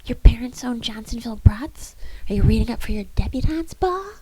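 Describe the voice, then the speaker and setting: A woman voicing a whiny, bratty young male punk guitarist who squeaks and shouts like a toddler, in a whispered role-play. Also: moderate pace, gravelly, breathy edge, heavily acted, rough recording. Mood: scornful.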